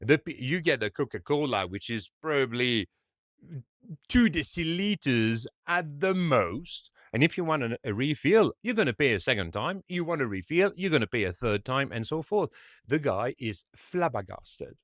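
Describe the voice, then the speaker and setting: Male commentator, animated storyteller, dry mic. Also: medium pitch, moderate pace, dry recording. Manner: animated storytelling, frequent fillers and restarts. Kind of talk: casual monologue commentary.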